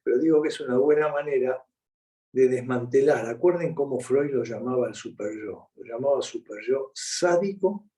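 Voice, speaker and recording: Speaking with a Rioplatense Spanish accent, a man gives a conversational conference lecture and often checks in with his audience. His voice is medium-pitched and warm, picked up from a distance.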